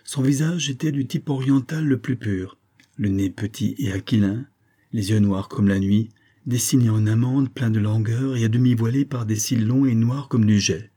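A man reading a classic novel aloud as an audiobook narrator, in a steady, measured way. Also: medium pitch. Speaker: audiobook reader.

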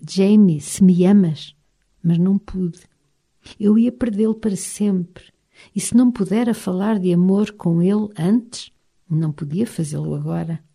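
Low, very dark-voiced Portuguese woman narrator. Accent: European Portuguese. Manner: measured, expressive reading. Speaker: audiobook narrator. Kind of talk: scripted first-person audiobook narration.

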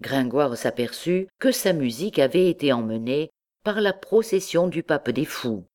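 A woman narrating a classic novel as an audiobook in a measured, steady way. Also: sits low.

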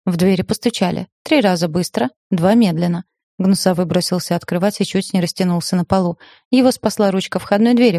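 A woman reads a first-person novel aloud with a dry, ironic edge. Her voice is lowish and mellow, set close to the mic in a dead, dry space. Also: dry recording. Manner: wry, ironic storytelling. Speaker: audiobook narrator. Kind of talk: first-person audiobook narration.

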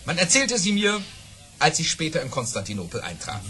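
An actor playing a boastful baron who spins tall tales with theatrical pauses and grand flourishes in a children's audio drama. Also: male voice, a little high, huge pitch swings, sharp tone, exaggerated voice. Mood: grand storytelling.

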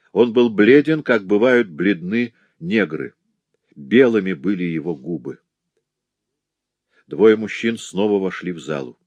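A man narrating a classic novel as an audiobook in an even, measured way. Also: fairly low pitch, no echo, lo-fi sound.

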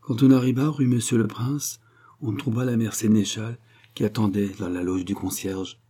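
A man narrating a novel in a measured, expressive reading. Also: lowish voice, breathy edge. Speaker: audiobook narrator. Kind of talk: scripted narration.

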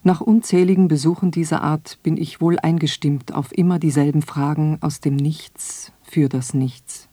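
A woman reading her own radio essay in a slow, measured, reflective way. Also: deep voice, steady tone, dark tone, breathy edge, no room sound. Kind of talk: scripted radio essay narration.

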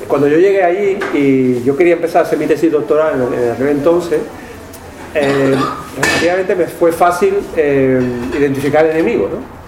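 An anthropologist from Seville gives a public talk presenting his book, rambling along with fillers and tag questions. His Andalusian Spanish carries some Catalan tinge, and his voice is on the high side and fairly quick. The room is echoey, with faint noise.

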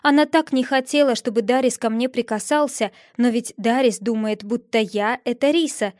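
A woman's voice: a little high, normal speed, darkish tone, no room sound, clean studio sound. A woman reading a novel aloud in the first person, with tense, breathless storytelling. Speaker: audiobook narrator.

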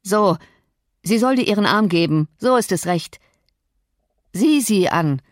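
A woman's voice: mid-range voice, animated, a little slow, no echo, studio quality, natural voice. A woman reading an audiobook, voicing a brooding, cruel male landowner who gives cold, sarcastic commands. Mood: mocking.

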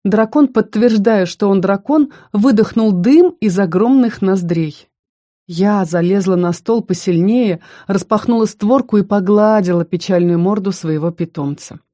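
A woman's voice: medium pitch, unhurried, dark tone, no room sound, clean studio sound. A woman narrating a fantasy story in the first person, telling it expressively. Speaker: audiobook narrator.

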